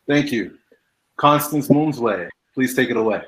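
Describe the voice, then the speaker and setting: A man's voice: medium pitch, lively intonation, unhurried, a bit bright, rough recording. A man moderating an online panel over a video call, reading formal prepared remarks.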